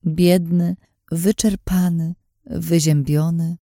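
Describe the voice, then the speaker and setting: A woman's voice: on the low side, level tone, slow pace, dark tone, no room sound, clean studio sound, pitched above the performer's own voice. A woman voicing a scheming, mocking woman in an audiobook, smug and threatening, in a taunting sing-song way.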